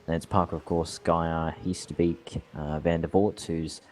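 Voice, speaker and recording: A man's voice: low-pitched, level tone, normal speed, darkish tone, a little hiss or hum. A man with an Australian accent doing chatty live commentary on a sim race, rambling with frequent asides.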